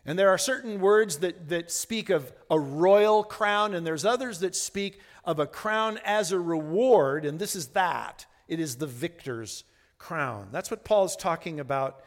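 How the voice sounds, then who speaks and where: A man in his sixties preaching a sermon as pastor, earnest, often repeating words, moving between hushed lines and fervent ones. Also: high voice, lively intonation, a little slow, long reverb tail. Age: 60s.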